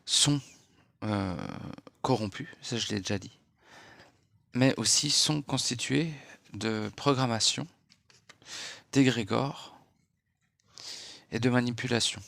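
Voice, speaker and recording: A man giving a late-night spiritual monologue in a hushed, unhurried voice, lecturing and posing rhetorical questions. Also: medium pitch, vocal fry, dry recording. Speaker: spiritual speaker.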